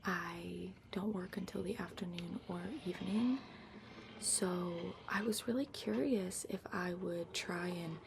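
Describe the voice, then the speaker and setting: A woman rambles softly in ASMR style, mostly whispering and now and then soft-spoken. Her voice has a noticeable creaky fry and moves along without hurry. She is close to a laptop microphone, in a lo-fi recording with clear background noise. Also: lowish voice. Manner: hushed, unhurried whispering with occasional soft voice. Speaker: ASMR vlogger. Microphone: built-in laptop microphone, up close. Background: tapping and keyboard-like scratching sounds.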